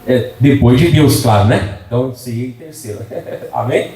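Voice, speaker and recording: A middle-aged pastor preaches a folksy, humorous sermon in church, often calling for amens in call-and-response. His medium-pitched voice is mellow and moves at normal speed, captured from a distance in an echoey church.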